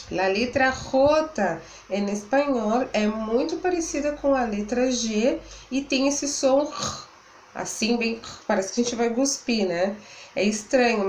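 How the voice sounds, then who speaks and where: A woman teaches a language lesson, explaining patiently, slowing down to model words and checking in with her students. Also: fairly high pitch, darkish tone, reverberant, slight background noise. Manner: switches between two languages, checks in with "né?". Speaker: Spanish teacher.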